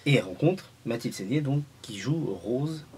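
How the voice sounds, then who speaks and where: A man's voice: medium pitch, animated, moderate pace, darkish tone, slight background noise. A man vlogging at home in a casual, joking film review, rambling and restarting his sentences often.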